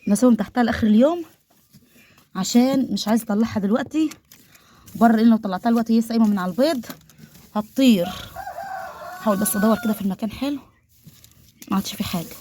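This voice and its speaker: Her voice is mellow and on the high side, rapid-fire yet broken by long pauses, with a little hiss or hum in the recording. Filming on a hand-held phone in her poultry coop, this Egyptian-accented vlogger chats devoutly to viewers with many blessings, laughing nervously while a duck bites her.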